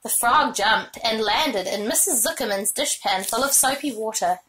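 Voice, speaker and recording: Bright-voiced woman reading a storybook. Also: on the high side, moderate pace, a little hiss or hum, rough recording. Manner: expressive storytelling. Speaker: reader. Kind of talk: reading a children's book aloud.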